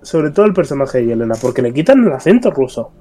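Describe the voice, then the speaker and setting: A man's voice: medium pitch, very animated, quick pace, warm tone. A man with a Spanish accent co-hosting a podcast, chatting casually in a blunt, opinionated way and using crude slang. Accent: Spain Spanish. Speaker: podcast co-host. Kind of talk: casual chat.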